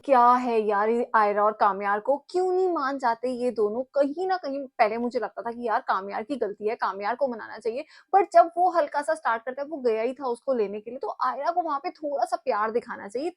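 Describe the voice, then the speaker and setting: A woman's voice: on the high side, animated, a little fast, few pauses. A woman co-hosting a casual drama reaction video, thinking aloud about the characters. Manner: thoughtful, musing commentary.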